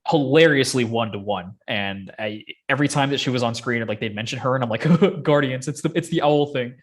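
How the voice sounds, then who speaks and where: A man co-hosts a podcast, talking casually about movies and entertainment and tossing in joking, sardonic asides. His voice is medium-pitched and a little fast.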